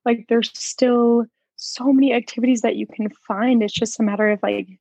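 A woman's voice: a little high, steady tone, normal speed, creaky, darkish tone, slightly rough, dry recording, low-quality recording. A woman guest on a podcast, talking casually and reflectively, with many filler words. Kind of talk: casual conversation.

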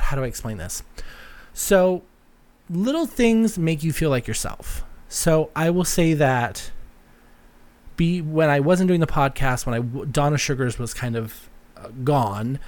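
A man hosting a solo podcast in a casual, rambling, chatty way with a campy touch. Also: on the high side. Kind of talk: casual, rambling personal chat.

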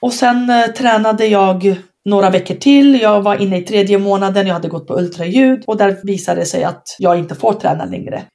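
A woman's voice: mid-range voice, few pauses. A woman, a former basketball player, telling her story in an interview with frank emphasis and acting out past conversations. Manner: animated, acts out past dialogue in her stories.

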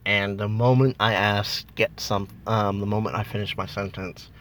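A man's voice: on the low side, fairly even intonation, moderate pace, fairly bright tone, a little hiss or hum. A man casually telling ghost-hunting stories, rambling with many ums and likes, recorded in a parked car. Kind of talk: casual ghost story chat.

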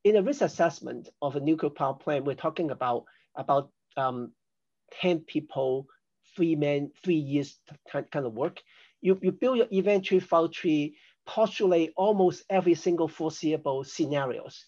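A man's voice: a little high, moderate pace, darkish tone, dull audio. An older man from Hong Kong, a podcast guest, explaining risk assessment in a chatty, self-deprecating way. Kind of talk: conversational interview.

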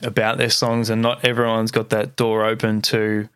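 A man hosting a casual interview, talking in a relaxed, reflective way with lots of agreeing yeahs. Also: lowish voice, moderate pace, clear, resonant tone, no echo. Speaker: interview host.

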